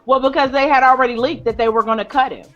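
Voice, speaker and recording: A woman co-hosting a casual sports chat podcast, sarcastic and quick to laugh. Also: high-pitched, steady tone, fairly bright tone, lo-fi sound, faint music behind. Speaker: podcast co-host.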